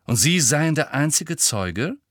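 A man voicing a sharp, scheming female tabloid reporter with a pushy, insinuating manner. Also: on the high side, big pitch swings, unhurried, no echo, clean studio sound, pitched above the performer's own voice. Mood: probing. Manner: pushy, insinuating, then breathy and honeyed.

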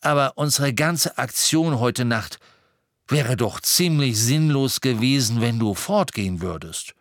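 A man voicing a calm, kindly middle-aged wizard father who reassures. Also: mid-range voice, measured pace, no room sound, clean studio sound, pitched above the performer's own voice, close to an everyday voice.

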